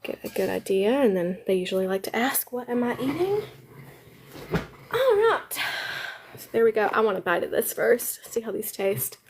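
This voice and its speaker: A woman's voice: fairly high pitch, sing-song, normal speed, a little mellow, slight background noise. A woman, chatting upbeat with live viewers while she eats lunch. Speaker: live-stream host. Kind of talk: casual live-stream chat while eating.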